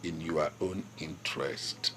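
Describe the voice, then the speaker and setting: An actor playing a proud, stubborn older village king with a Nigerian accent, speaking in measured, authoritative lines and quoting proverbs. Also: a bass voice, steady tone, very noisy. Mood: lecturing. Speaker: traditional king. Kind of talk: film drama acting.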